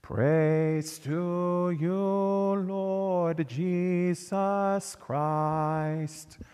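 A male priest leading Mass with measured, solemn reading and sung acclamations, his voice ringing with a cathedral echo in a large church. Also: high voice, steady tone, darkish tone, clear, resonant tone, faint music behind. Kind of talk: liturgical reading and chanting at Mass. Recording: long church reverb.

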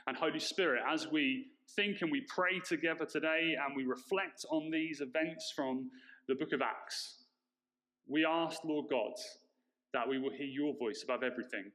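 High-voiced pastor with hall echo. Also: male voice, normal speed, fairly bright tone. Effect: big hall echo on his mic. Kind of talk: church prayer and sermon. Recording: echoey church hall mic.

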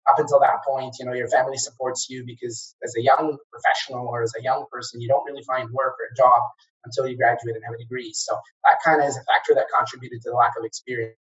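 A man's voice: mid-range voice, little pitch movement, fast talker, a bit bright. A man from Egypt who grew up in Kuwait, recounting his early career in an interview, with frequent fillers and restarts. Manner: hesitant, many fillers and restarts. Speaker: guest, former franchise operator. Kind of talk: conversational interview. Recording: distant, dull lo-fi sound.

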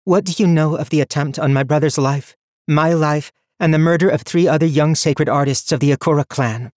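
A man's voice: on the high side, steady tone, fairly quick, darkish tone, no room sound, studio quality, voice pushed up, lightly acted. A man voicing a young woman overlord who questions prisoners with grave, barely hidden anger.

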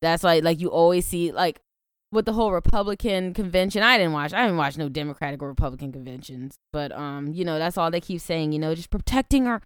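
A woman's voice: sits low, quick pace, smooth, no room sound, studio quality. A woman co-hosting a podcast in casual chat, talking bluntly with sarcasm and plenty of swearing. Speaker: podcast co-host.

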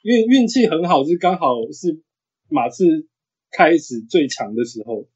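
A man in his thirties with a husky voice, chatting casually as a sports podcast guest. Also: a little high, very animated, moderate pace, a little mellow. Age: 30s. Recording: dull, lo-fi audio.

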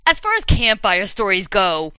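A woman's voice: medium pitch, wildly swooping pitch, normal speed, sharp tone, clear, resonant tone, no room sound, poor audio. A woman hosting a chat, telling campfire horror stories in a dramatic, playful way. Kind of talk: storytelling in casual chat.

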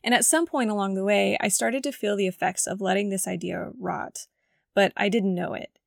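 Speaking at a middle pitch in a scratchy, gravelly voice, a woman hosts a devotional podcast and reads her personal story from a script with earnest reflection. Her intonation stays fairly even and her speed is normal. A close mic leaves the sound dry, without any room echo.

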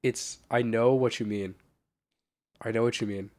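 A man's voice: mid-range voice, fairly even intonation, measured pace, mellow. Congested man in a casual podcast chat. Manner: hesitant, restarts and stacked fillers. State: stuffed-up nose from a cold. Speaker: podcast co-host.

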